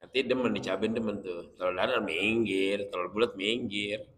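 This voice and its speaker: A man's voice: lowish voice, steady tone, moderate pace, very noisy. Male Islamic teacher, joking lecture style, long hall echo. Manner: jokey, chatty, explains Arabic terms. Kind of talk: religious study lecture.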